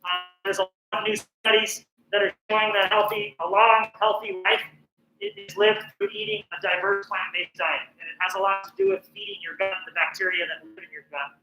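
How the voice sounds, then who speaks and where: A man's voice: high voice, expressive, a little fast, pushed and bright, reverberant, faint music behind, low-quality recording. A middle-aged man from northern New Mexico, a professional chef giving a chatty, encouraging cooking class with plenty of "um" fillers. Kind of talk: casual cooking presentation.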